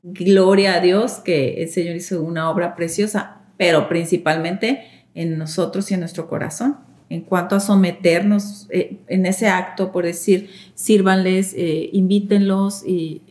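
A woman with a somewhat low-pitched voice co-hosts a faith TV talk show. She offers calm comments drawn from scripture and gentle agreement as her co-host speaks. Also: measured pace.

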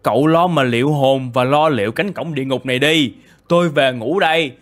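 A man voicing an angry old male villager in a game, speaking sternly and slowly. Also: mid-range voice, lightly acted. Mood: grudging.

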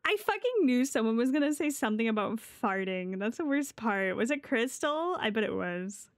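A woman streams casually as a VTuber, chatting live in a playful, giggly gamer-girl style with swearing, close on the mic. Her voice is on the high side with big pitch swings at a moderate pace, and there's no echo.

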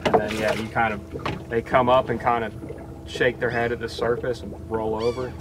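A man's voice: mid-range voice, level tone, normal speed, heavy background noise. A man guiding a fishing trip, casually explaining how fish behave, outdoors on a boat. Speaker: fishing charter captain. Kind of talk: casual chat while fishing.

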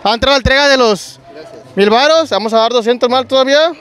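High-voiced, teasing Mexican street host. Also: male voice, quick pace, a bit bright. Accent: Mexican Spanish. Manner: teasing, hypes the crowd, slangy. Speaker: street prank show host. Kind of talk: energetic street game hosting. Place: outdoor street market. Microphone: handheld microphone.

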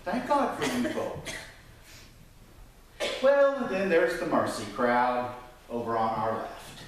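A man in his fifties preaching a sermon from a church pulpit, gesturing and swinging his voice high and low. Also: slow pace, a little hiss or hum. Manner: animated, gesturing preacher with wide swings in pitch. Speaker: pastor. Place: church sanctuary. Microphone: pulpit mic, filmed from the pews. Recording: echoey church from a distance.

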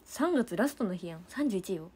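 A woman's voice: mid-range voice, animated, moderate pace, a little mellow, breathy edge. A young woman with a chatting casually to fans on a livestream, giggling often.

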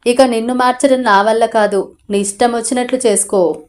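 A woman's voice: on the high side, fairly even intonation, normal speed, darkish tone, lightly acted. A woman voicing a short-tempered middle-aged father who scolds his son, read as part of a storybook audio novel. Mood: indignant. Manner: scolding, sarcastic.

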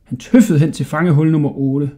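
A man narrating a children's bedtime audiobook in an expressive storytelling manner. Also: a little high. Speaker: audiobook reader.

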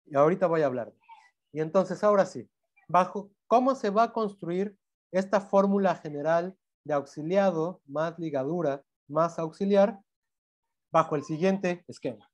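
A man's voice: high-pitched, moderate pace. A man lecturing in a Mexican Spanish accent, explaining grammar step by step with frequent self-corrections and check-in questions. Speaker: university language teacher.

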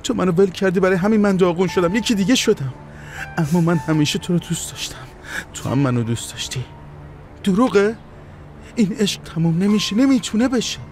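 A man's voice: high-pitched, lively intonation, a little mellow. A man dubbing a manipulative ex-lover in a TV drama, coaxing and pleading in turn, over a music bed. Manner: coaxing, wheedling, then pleading. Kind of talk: dubbed TV drama. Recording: music playing under the voice.

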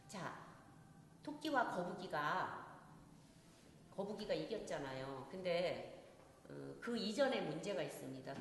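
A middle-aged woman who writes children's stories, giving a lecture on reading stories aloud, with a lively delivery that acts out scolding parents. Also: lowish voice, creaky. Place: lecture hall. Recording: echoey lecture hall, faint noise.

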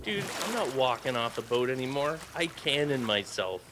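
A man with a medium-pitched voice and big swings in pitch jokes around with a co-player while gaming, speaking at a normal speed. His banter is goofy and casual. Video game sound effects come through clearly behind him.

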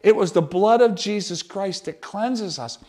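A male pastor, preaching a sermon in an animated, conversational way, often restarting his sentences. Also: sits high, unhurried.

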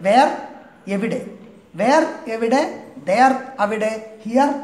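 A man from Kerala teaching an English grammar lesson. He reads example sentences slowly, explains them at length and keeps checking with short "eh?" prompts. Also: extremely high pitch, a little mellow, roomy sound. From Kerala, India.

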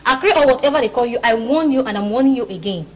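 A woman's voice: a little high, lively intonation, fast, natural voice. An actress playing a curt young female student who firmly scolds and rejects an unwanted suitor. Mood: stern. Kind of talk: comic film acting.

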